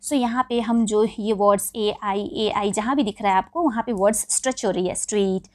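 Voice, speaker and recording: A woman with an Indian accent teaching English vowel sounds in Hindi. She spells each word letter by letter and then says it again slowly. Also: medium pitch, steady tone, a little mellow, no room sound, studio quality.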